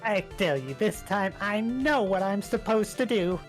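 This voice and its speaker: A man's voice: high-pitched, expressive, a little slow, soft background music. A man doing a woman's voice, playing a chatty, clingy old lady witness in an amateur video game dub. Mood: coy, chatty.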